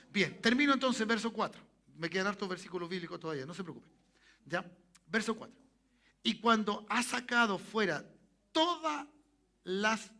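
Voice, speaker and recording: A man's voice: high-pitched, pushed and bright. A Chilean man preaching a sermon as pastor in a church, often asking the congregation for an amen. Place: church sanctuary.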